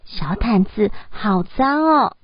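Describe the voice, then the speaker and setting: A woman reading the lines of a caring mother in a children's story, gentle and fussing. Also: mid-range voice, animated, takes it slowly, husky, no echo, lo-fi sound.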